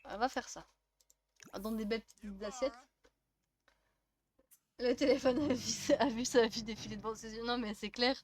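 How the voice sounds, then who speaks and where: Une jeune femme streameuse commente sa partie de jeu vidéo sur un ton décontracté, bavarde, elle rit souvent et taquine les personnages. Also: female voice, on the high side, steady tone, normal speed, pauses often. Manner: chatty, laughs often, teasing the game characters. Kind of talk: casual let's-play commentary.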